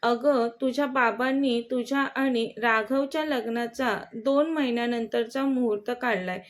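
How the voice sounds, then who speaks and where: A woman voicing a caring middle-aged mother who speaks gently and fondly to her daughter. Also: a little high, a little slow, close to an everyday voice.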